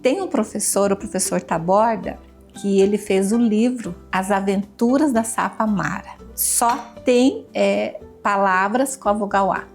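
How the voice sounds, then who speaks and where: A woman's voice: mid-range voice, a little slow, soft background music. A woman educator, a guest in an interview, explaining her method in a patient, teacherly way and repeating examples.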